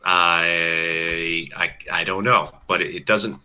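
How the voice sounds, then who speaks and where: A man's voice: deep voice, fairly even intonation, slow pace, sharp tone, smooth, lo-fi sound. A man in casual chat while playing a game with his brother, wry and talking through what he is doing.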